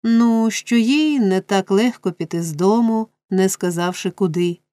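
A woman's voice: medium pitch, normal speed, warm tone, no room sound, studio quality, natural voice. A woman voicing a sleepy, sly young male informer in an audiobook reading, drawling and smug.

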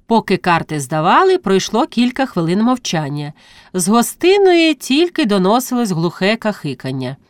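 A woman narrating classic prose as an audiobook reading, with expressive storytelling. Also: mid-range voice, moderate pace, no room sound.

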